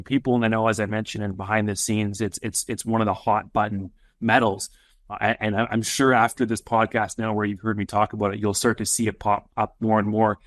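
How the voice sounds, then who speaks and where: A man's voice: on the low side, fairly bright tone, no echo, clean studio sound. A man with a Canadian accent, a company CEO being interviewed on a podcast, talking with many fillers and restarts. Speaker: mining company CEO guest.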